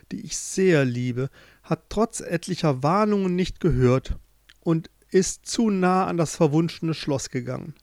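A man's voice: fairly high pitch, darkish tone, no room sound, studio quality. Guy doing a sincere young fella begging for help, sing-songy storybook voice. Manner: pleading, earnest. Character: earnest young man searching for his love.

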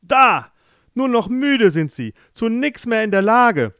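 A man voicing an irritable, blustering middle-aged king who shouts in exasperation. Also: on the high side, big pitch swings, a little slow, dry recording, clean studio sound. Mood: furious.

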